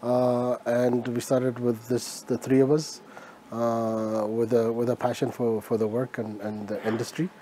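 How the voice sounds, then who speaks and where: Flat, mellow-voiced businessman guest. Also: mid-range voice, measured pace, slight background noise. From Ethiopia. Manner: steady, matter-of-fact, frequent "uh" fillers. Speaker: entrepreneur guest. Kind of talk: conversational interview answers.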